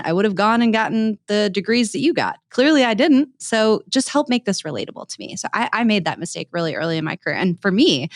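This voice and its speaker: A podcast host conducts a conversational interview, speaking candidly and punching key words for emphasis. Her voice is fairly low and creaky, in a dry, clean studio recording.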